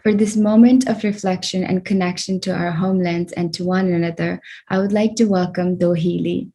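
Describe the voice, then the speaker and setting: Gracious low-voiced woman host. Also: steady tone, normal speed, mellow. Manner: gracious, thanking and introducing guests. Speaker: event host. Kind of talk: hosting a virtual fundraiser.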